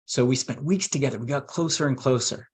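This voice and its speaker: A man in his forties, an estate planning attorney, telling a heartfelt personal story in a webinar with earnest pauses and restarts. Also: mid-range voice, darkish tone, breathy edge. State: emotional at times.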